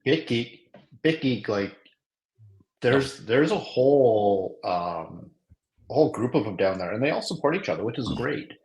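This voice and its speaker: A man from Canada on a casual streamed chat, thoughtful and hesitant with many pauses and ums. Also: mid-range voice, expressive, a little mellow, roomy sound, poor audio.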